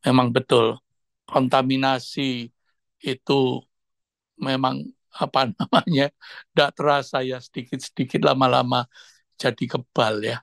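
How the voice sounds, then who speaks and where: A man's voice: mid-range voice, little pitch movement, a little slow, vocal fry, pauses often, a bit bright, no echo. A man, casually telling a personal story during an online devotional sharing and acting out the quoted speech. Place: online video call.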